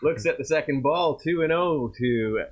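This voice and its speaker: A man with a Canadian accent doing play-by-play baseball commentary, chatty and quick to laugh at himself. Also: on the high side. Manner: chatty, self-deprecating, laughs easily. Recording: dull lo-fi stream audio.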